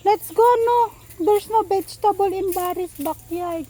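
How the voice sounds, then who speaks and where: Chatty high-voiced woman vlogging. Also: a little slow, warm tone. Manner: chatty, talks to viewers while walking and gathering vegetables. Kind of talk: casual cooking and garden vlog.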